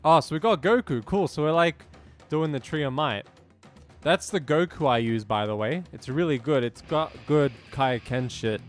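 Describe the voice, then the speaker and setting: A man's voice: on the high side, moderate pace. A young man with a phlegmy, rattly chest voice rambles through casual gameplay commentary, slangy and repeating himself, as the host of a gaming video. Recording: game music behind voice. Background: video game music.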